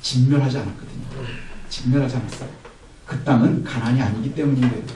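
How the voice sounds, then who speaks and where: A man's voice: medium pitch, fast talker, warm tone. A male pastor preaching a Sunday sermon who poses rhetorical questions and acts out quotes with a raised voice. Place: church sanctuary. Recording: echoey hall from far off, faint noise.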